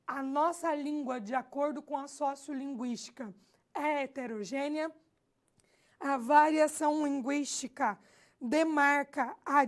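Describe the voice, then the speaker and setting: Brazilian woman teacher, high voice, unhurried and explanatory. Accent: Brazilian Portuguese. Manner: slow, explanatory, repeats key phrases. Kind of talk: recorded online lecture.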